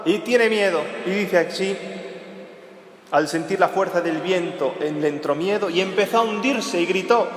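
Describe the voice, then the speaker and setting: A male priest preaches a homily in a fairly high voice, stacking short repeated clauses straight at the listener. He climbs to urgent, raised phrases and drops to low, hushed ones. The sound carries a long church reverb with faint background hiss. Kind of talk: weekday homily.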